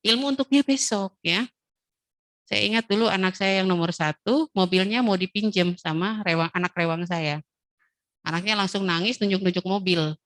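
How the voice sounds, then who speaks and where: A woman's voice: medium pitch, moderate pace, a bit bright, no room sound. Woman with a lilt, giving parenting advice. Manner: acts out child and mother voices in quoted dialogues. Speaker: parenting webinar speaker. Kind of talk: parenting talk to mothers.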